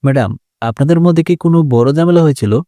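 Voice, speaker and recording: A man's voice: on the high side, fast, dark tone, no room sound, clean studio sound, voice pushed up, natural voice. A man voicing a male police inspector who asks formal, probing questions.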